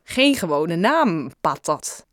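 A woman's voice: on the low side, very animated, slow pace, fairly bright tone, no echo, clean studio sound, full character voice. A woman voicing a cheerful, curious teenage schoolgirl in a read-aloud story. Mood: friendly.

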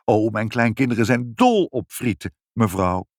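A man voicing a fussy elderly male civil servant, a grandfather who talks gruffly and gets muddled, in a storybook reading. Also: on the low side, sing-song, moderate pace, no room sound, clean studio sound. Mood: doting. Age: older. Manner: gruff, then doting and muddled.

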